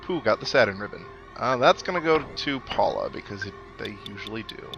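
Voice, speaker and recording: A man hosting a game playthrough series speaks a little fast in a lowish, fairly bright and animated voice, recorded muffled with video game music behind him. He chats casually in let's play style, adding wry, musing asides and reading game dialogue aloud.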